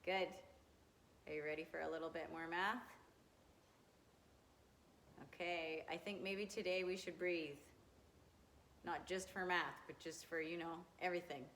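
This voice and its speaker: A woman teaching a grade two math lesson to young children, gentle and encouraging, asking questions and answering them herself. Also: on the low side, steady tone, moderate pace, a little hiss or hum.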